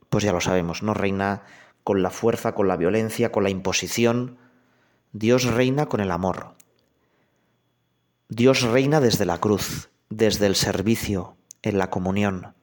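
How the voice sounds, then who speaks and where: A priest with a medium-pitched male voice gives a conversational sermon, addressing the listener directly with questions and anecdotes.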